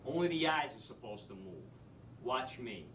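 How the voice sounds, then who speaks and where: An actor playing a brash, wisecracking New street-smarts teacher in a stage monologue. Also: male voice, mid-range voice, big pitch swings, normal speed, background noise, close to an everyday voice. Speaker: actor in a drama school showcase monologue. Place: theater stage. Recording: echoey stage from a distant mic.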